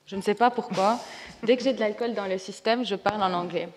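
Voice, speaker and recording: A woman's voice: mid-range voice, fairly quick, slight background noise. A woman with a Lebanese accent, speaking as a panelist in a casual, spontaneous and frank way. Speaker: panelist, comics artist. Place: conference hall. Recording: reverberant lecture hall.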